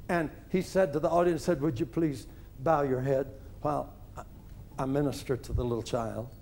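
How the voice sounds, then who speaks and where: A man preaching a testimony as a story, animated, with stammered repeats and chuckling asides. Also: on the high side.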